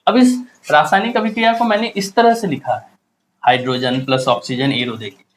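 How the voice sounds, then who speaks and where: A man's voice: fairly high pitch, a little fast, slight background noise, low-quality recording. Man teaching a chemistry lesson. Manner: explains step by step, asks and answers his own questions. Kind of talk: classroom lecture.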